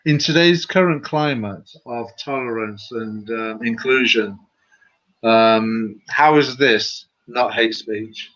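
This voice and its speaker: A man's voice: medium pitch, slow pace, fairly bright tone. Hesitant man on a dull lo-fi line. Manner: hesitant, full of "um" fillers while searching for words. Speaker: podcast panelist. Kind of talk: casual panel discussion.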